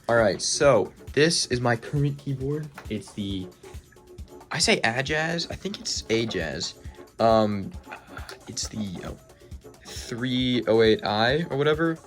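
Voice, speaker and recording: A young man talking through a casual unboxing vlog, excitable and rambling with many fillers. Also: medium pitch, takes it slowly, faint music behind. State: swollen lip. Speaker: vlogger.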